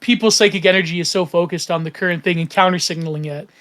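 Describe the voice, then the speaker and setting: A man's voice: high-pitched, fairly even intonation, fast, fairly bright tone. A man from Canada, hosting a casual podcast chat, rambling with many fillers and restarts. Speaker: podcast host.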